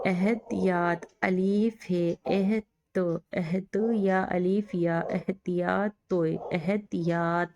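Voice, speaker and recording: A woman's voice: mid-range voice, dark tone. A woman teaching Urdu reading, patiently spelling out each word letter by letter. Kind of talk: slow spelling-out lesson.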